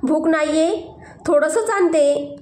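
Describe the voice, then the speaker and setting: A woman voicing an innocent, affectionate young wife with a gentle, coaxing way of talking, in a storybook reading. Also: sits high, slow. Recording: roomy echo.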